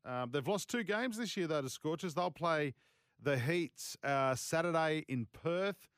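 A man's voice: on the high side, lively intonation, a little slow, fairly bright tone, clean tone, no room sound. Dry close-up Australian male sports host. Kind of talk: casual sports talk, discussing cricket.

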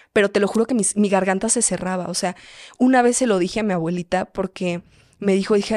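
A young woman tells a personal story in a halting, restarting way, with a voice of middling pitch. She is recorded close on a podcast mic in a dry space with no room echo. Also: a little mellow. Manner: quick, halting, frequent restarts and "o sea". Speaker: podcast host.

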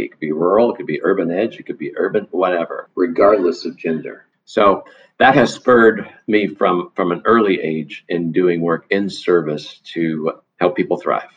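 A man answering interview questions in a measured way, often restarting his sentences. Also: deep voice, slightly rough. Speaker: guest, foundation leader. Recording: dull lo-fi audio.

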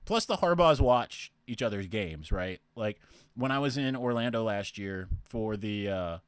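A young man with a lowish, clean-toned voice hosts a podcast, unhurried yet animated as he fields listener questions. He wanders, using fillers and restarting sentences, in a dry recording.

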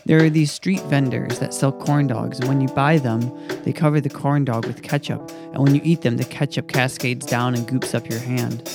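A man's voice: mid-range voice, fairly even intonation, moderate pace, creaky, hardly any pauses, music in the background. A man hosting a podcast, telling stories about a friend in a dry, wry way. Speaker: podcast host. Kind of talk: scripted narration and casual chat.

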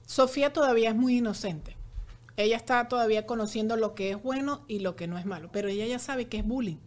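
Woman guest talking earnestly, kinda high voice, gets animated and acts out what people said. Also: quick pace. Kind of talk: casual conversation.

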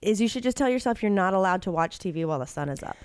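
A woman's voice: medium pitch, lively intonation, racing, a little mellow, clear, resonant tone, no room sound, studio quality. A young woman co-hosting a podcast, joking and chatting in a playful, slangy way. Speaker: podcast co-host. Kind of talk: casual chat.

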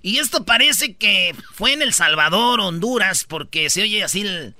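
A man's voice: sits high, lively intonation, a little slow, sharp tone, dry recording. A man with a Mexican accent hosting a comedic radio countdown, telling stories in slang and acting out the voices of the people in them. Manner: joking storyteller, acts out quoted voices, slangy. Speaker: radio show host.

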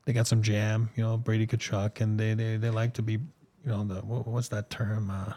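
Speaking French as his first language, this ex-hockey player co-hosts a laid-back sports podcast that includes ad reads, his accent French with some Boston mixed in. His voice is on the low side with a dark tone, level and moderately paced, and he meanders through his points, filling them with ums and "you know".

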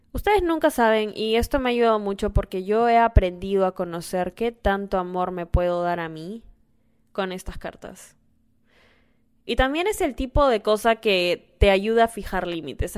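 A woman hosting her own podcast alone, talking in a gushing, affectionate way and getting excited easily. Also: medium pitch. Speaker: podcast host. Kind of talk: casual solo podcast talk.

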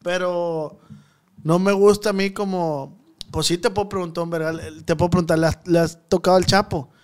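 Slangy man, higher voice. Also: steady tone, normal speed, darkish tone, smooth. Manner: slangy, loose, many fillers and restarts. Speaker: podcast host and comedian. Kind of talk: casual chat.

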